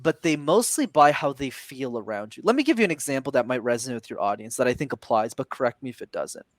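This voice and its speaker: Animated young man, lively pitch. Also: fast talker, dry recording. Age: young adult. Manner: animated, demonstrative, shifts energy to make points. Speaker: podcast guest, communication coach. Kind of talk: conversational interview.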